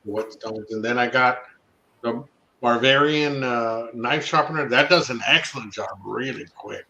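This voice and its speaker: A man's voice: mid-range voice, a little slow, gravelly, sharp tone, echoey room, highs cut off, a little hiss or hum. A man chatting casually on a livestream, swearing easily while eagerly showing off kitchen gear. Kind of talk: casual chat.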